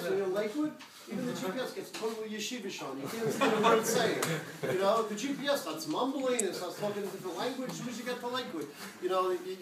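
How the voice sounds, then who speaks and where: Rambling man joking in an echoey hall. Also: high-pitched. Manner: rambling, self-deprecating, repeats words often. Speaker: guest speaker at a kollel. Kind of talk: joking Purim-season speech. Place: indoor study hall. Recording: echoey room from far off, loud noise.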